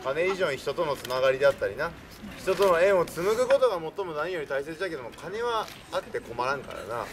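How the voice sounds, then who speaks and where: On outdoor castle grounds beside a stone wall, a young costumed performer plays a boastful, worldly-wise old samurai lord in an in-character talk show, offering visitors jovial, emphatic life advice in archaic speech. His slightly high voice is sing-song and fast, his mood wise and advising. A distant camera captures noisy outdoor audio.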